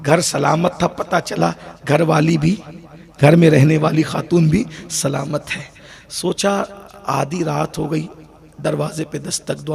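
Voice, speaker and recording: A man from India preaching an Urdu sermon, moving from soft storytelling to loud, emotional shouting. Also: on the high side, vocal fry. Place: large gathering at a religious festival.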